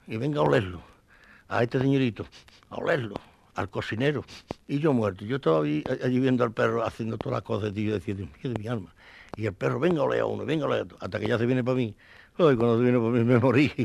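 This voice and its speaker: Gravelly man telling a tale. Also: medium pitch, slight background noise. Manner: lively, colloquial, with dropped syllables and exclamations. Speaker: storyteller. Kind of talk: casual anecdote telling.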